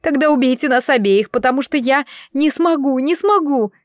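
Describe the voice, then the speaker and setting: A woman's voice: sits high, moderate pace, no echo, studio quality, pitched above the performer's own voice, close to an everyday voice. A woman voicing a tearful, frantic mother who pleads through sobs. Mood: sobbing. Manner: pleading, sobbing.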